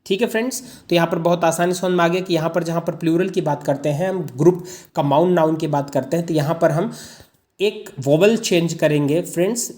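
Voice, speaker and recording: A man with a slightly high, darkish voice teaches English grammar at a brisk pace in a blend of Hindi and English. He says each example word twice, answers his own rhetorical questions, and keeps calling his listeners friends.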